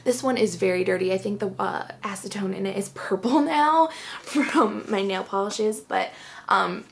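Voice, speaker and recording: Breathless woman with a gravelly fry. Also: medium pitch, moderate pace. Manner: chatty, fillers like "um" and "like". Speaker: beauty vlogger. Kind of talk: casual product review.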